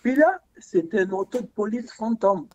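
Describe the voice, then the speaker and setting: A young man telling a story in casual chat, animated, repeating words and acting out the dialogue. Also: high voice, moderate pace, a little hiss or hum. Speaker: podcast guest. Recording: dull lo-fi sound.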